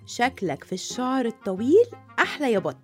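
Brief: woman voicing playful sister who teases, Egyptian accent, quick speech. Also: fairly high pitch, big pitch swings, slightly rough, faint music behind. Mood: teasing. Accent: Egyptian Arabic. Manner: teasing, affectionate. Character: teasing young sister, playful.

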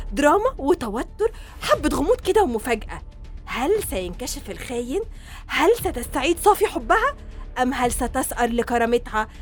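Theatrical, high-voiced Egyptian woman host. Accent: Egyptian Arabic. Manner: theatrical, teasing. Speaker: livestream host. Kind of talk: mock live commentary.

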